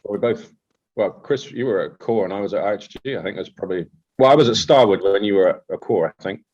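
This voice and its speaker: Deep male guest, slightly dull recording. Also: quick pace, a little mellow, breathy edge. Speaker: interview guest. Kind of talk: casual interview chat.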